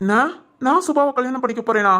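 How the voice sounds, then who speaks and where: A man's voice: very high voice, fast, pushed and bright. A man voicing a confused, easygoing young man in a comedy cartoon, bantering and brushing off his aunt. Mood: flustered.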